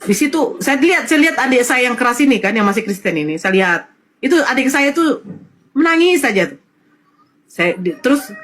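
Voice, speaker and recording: A woman's voice: a little high, a bit bright, low-quality recording. A woman telling her own conversion story in an emotional, tearful way. She repeats her phrases and quotes prayers and relatives as she speaks. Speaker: convert sharing her testimony.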